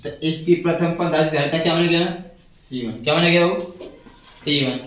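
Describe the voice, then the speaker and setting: A man's voice: fairly high pitch, normal speed, a bit bright. A man teaching a physics class, who keeps asking his students questions and repeating the key words back to them. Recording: echoey room, mic far off.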